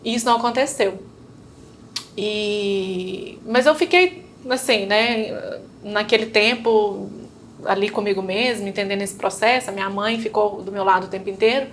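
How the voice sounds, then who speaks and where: A woman with a Brazilian Portuguese accent speaks at medium pitch and a normal speed, with slight background noise. She's an interview guest sharing her personal story in casual chat, acting out remembered dialogue and often using tag questions.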